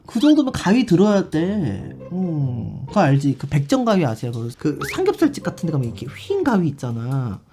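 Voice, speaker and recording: Animated male streamer over loud music. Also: fairly high pitch, normal speed, hardly any pauses. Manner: animated and expressive, given to sudden shrieks. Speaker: live streamer. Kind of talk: casual live-stream chat.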